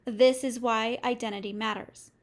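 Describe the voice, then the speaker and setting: A woman coach delivering a scripted motivational lesson in a measured, steady way, with short listed phrases. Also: fairly high pitch. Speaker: business coach. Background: faint music.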